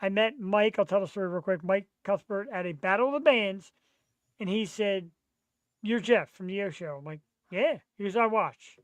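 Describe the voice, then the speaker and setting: A man, chatting casually as a podcast host in an excitable, slangy, rambling way. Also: sits high, moderate pace, no room sound. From Philadelphia, USA. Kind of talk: casual live podcast chat.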